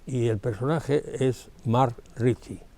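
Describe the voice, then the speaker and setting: A male host introducing a guest, speaking with occasional filler pauses. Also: mid-range voice, warm tone. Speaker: TV program host. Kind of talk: studio presentation.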